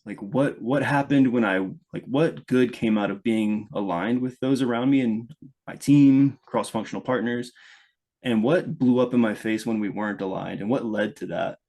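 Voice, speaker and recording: This Louisiana man has a warm, medium-pitched voice at a moderate pace. As a guest product manager in a conversational podcast interview, he shares his story thoughtfully, frequently restarting and picking up speed when he gets engaged.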